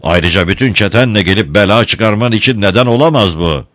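A man's voice: on the low side, a little fast, fairly bright tone, no room sound, natural voice. A man doing a stern, wry village priest. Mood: reproachful. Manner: dry, reproachful.

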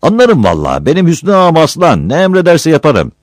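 A man's voice: mid-range voice, big pitch swings, fairly quick, darkish tone, dry recording, clean studio sound, pitched above the performer's own voice, natural voice. A man voicing a lazy, cheeky young village man who jokes his way out of everything. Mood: joking. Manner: joking, easygoing.

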